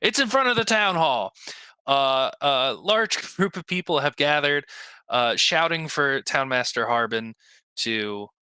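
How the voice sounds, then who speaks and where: A man's voice: mid-range voice, expressive, a little slow, sharp tone, clean tone, no echo. A man narrating a tabletop game as game master, casual and profane with many fillers.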